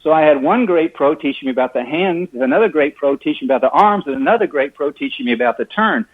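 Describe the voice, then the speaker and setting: A man in his late sixties speaks with lively enthusiasm as an interview guest. He is on a dull, clipped phone line. He tells stories like a seasoned instructor who loves his work. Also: fairly high pitch, fast. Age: 60s. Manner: energetic, enthusiastic. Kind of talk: phone interview, animated storytelling.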